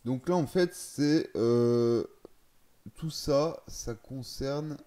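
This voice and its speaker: Dark-voiced man explaining game settings. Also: mid-range voice, extremely slow. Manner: thinking aloud, hesitant, corrects himself. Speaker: gaming video creator.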